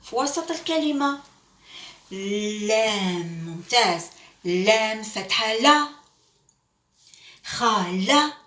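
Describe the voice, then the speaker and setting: A woman teacher who slowly drills Arabic letters and syllables with children, praises them often and slips into French classroom phrases. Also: on the high side, animated, sharp tone, roomy sound, distant mic. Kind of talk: Arabic reading lesson for children.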